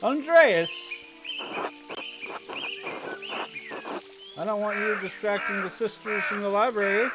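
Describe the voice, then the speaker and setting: A man's voice: high-pitched, a little fast, very noisy, natural voice. A man voicing a stern older male abbot in a stiff, odd put-on accent.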